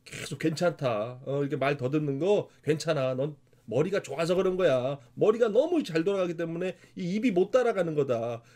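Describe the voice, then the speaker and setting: A man's voice: a little high, lively intonation, fairly quick, few pauses, warm tone, close to an everyday voice. A man voicing a fierce, devoted older mother who speaks in a commanding, emphatic way. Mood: tender.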